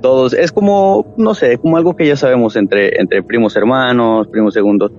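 A man telling a true ghost story from his family, in a casual, animated way, acting out what his relatives said. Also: mid-range voice, normal speed, dull audio, faint music behind. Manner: animated retelling with quoted voices.

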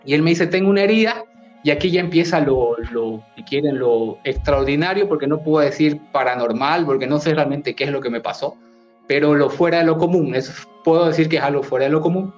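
A man's voice: a little high, fairly quick, a little mellow, muffled recording, soft background music. A man from Bolivia, a doctor, earnestly recounting a strange personal experience in an interview, often hesitating and restarting words.

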